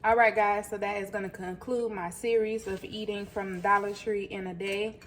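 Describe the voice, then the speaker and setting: A woman's voice: medium pitch, fairly even intonation, moderate pace, a bit bright, a little hiss or hum. A woman vlogger chatting casually to her viewers while cooking in a home kitchen. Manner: chatty, talks straight to viewers as "guys" and "y'all".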